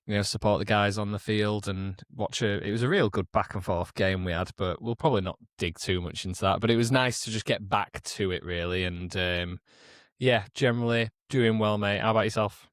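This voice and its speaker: A young man co-hosting a casual sports podcast from a kitchen, relaxed and rambling with dry humour. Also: fairly low pitch, brisk, dry recording. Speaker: podcast co-host.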